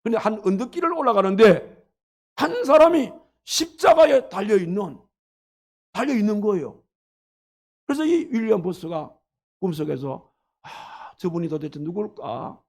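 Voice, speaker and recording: A middle-aged male pastor preaching a sermon, telling a story dramatically and acting out the dialogue with sudden loud outbursts. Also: high-pitched, animated, normal speed.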